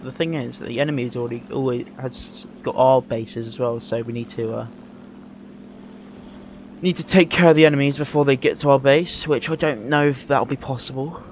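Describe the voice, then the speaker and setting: Rambling man commentating gameplay. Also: mid-range voice. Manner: rambling, self-correcting, easygoing. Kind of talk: casual live gameplay commentary. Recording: dull lo-fi mic with game noise. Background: game engine and vehicle noise.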